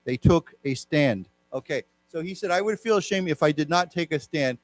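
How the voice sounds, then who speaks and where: A man teaches English vocabulary to a live class, explaining each word and having the room repeat it. His voice sits a little high. A faint electrical hum runs under the recording. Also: animated, moderate pace. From Taiwan. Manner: explains words, has the class repeat them. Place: lecture room.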